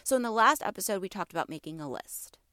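A fast-talking woman in her thirties, with a mid-range voice and lively intonation, hosts a wellness podcast in a dry, clean studio recording. Her voice is a little stuffy from allergies, yet she stays casual and warmly encouraging, frequently asking her listeners questions.

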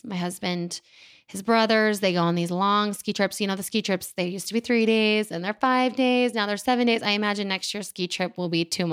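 A woman's voice: mid-range voice, fairly bright tone, clear, resonant tone. A woman in her thirties talking into a microphone in a candid, chatty, self-deprecating monologue as a podcast host. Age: 30s. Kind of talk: casual personal monologue. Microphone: studio microphone.

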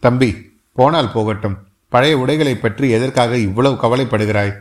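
A stern middle-aged fort commander, gruff and used to command, as a male narrator puts him on. He speaks with weighty authority in a storybook reading. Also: mid-range voice, normal speed, lightly acted. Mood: calm. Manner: gruff orders to guards, softer to the youth.

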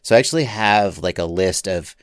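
A man guesting on a casual podcast, talking in a smooth radio voice with a relaxed, joking manner. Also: deep voice, brisk, dry recording. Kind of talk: casual chat.

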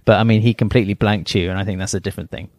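A man's voice: on the low side, fairly even intonation, racing, a little mellow, dry recording, clean studio sound. A middle-aged man co-hosting a podcast, talking things through in a thoughtful, rambling way with many fillers. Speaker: podcast co-host. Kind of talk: casual chat.

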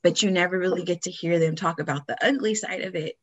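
A woman co-hosting a podcast in casual chat, telling stories with lively laughs and lots of "like" and "you know.". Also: lowish voice, fast talker, breathy edge, highs cut off. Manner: chatty, animated storytelling with frequent laughs; frequent fillers like "like" and "you know". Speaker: podcast co-host.

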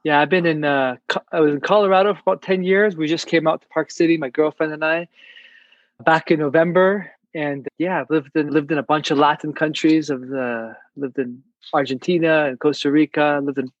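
Podcast host: man in his late 30s from Canada, relaxed and agreeable, a bit high voice, dry close sound. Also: fairly quick, no echo, lo-fi sound. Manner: relaxed, agreeable, lots of mm-hmms. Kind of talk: casual interview chat.

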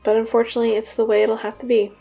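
An actress playing a composed high school student who makes a formal, solemn address over the school intercom. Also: female voice, little pitch movement, racing, gravelly, breathy edge, dull audio, faint music behind. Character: composed young woman high school student making announcements. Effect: speaking over a school intercom (PA system).

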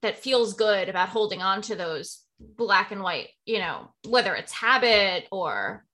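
A woman's voice: medium pitch, expressive, measured pace, sharp tone. A woman co-hosting a podcast as a therapist, telling anecdotes animatedly and laughing easily. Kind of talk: casual podcast chat.

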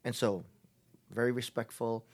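A middle-aged man talking reflectively as an interview guest, halting often and restarting his sentences. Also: medium pitch, fairly even intonation, a little mellow. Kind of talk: casual conversation.

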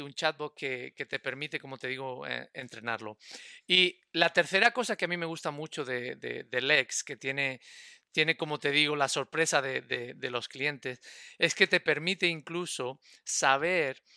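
A man with a very bright, crisp voice explains technology as a podcast guest. He talks in a stop-start way and often repeats words while he searches for the next one. The sound is dry and close. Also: on the high side, no echo. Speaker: guest expert.

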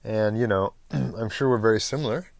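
Speaking in a somewhat deep voice, a man runs his own podcast as an off-the-cuff monologue that wanders between ideas. Fillers bring him to brief pauses, and now and then he clears his throat. The close microphone gives a dry, echo-free sound without any sense of the room.

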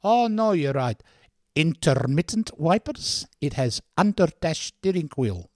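A man's voice: a little high, sing-song, a little slow, no echo, studio quality, voice pushed up. A man voicing a bumbling older car dealer who muddles his words while phoning in ads. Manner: muddles words, repeats "are you with me".

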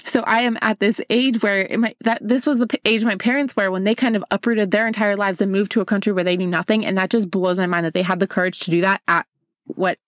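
Fast-talking and steady, a mid-range female voice belongs to a podcast host in her twenties, Bulgarian-born and raised in America. She chats upbeat and casually on her solo show, calling the listener babe, in an echo-free, studio-quality recording.

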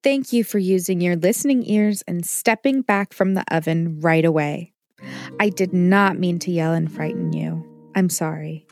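A woman playing a caring mother who calmly explains kitchen safety to her child in a children's show. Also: fairly low pitch, moderate pace, creaky, no echo, soft background music. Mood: reassuring. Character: caring mother, warm and reassuring.

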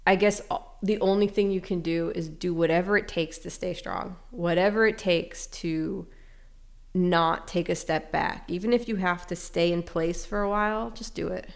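Woman, interview guest, low pitch, gravelly, candid, reflective. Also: steady tone, normal speed. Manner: candid, reflective, laughs easily. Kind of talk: casual emotional interview.

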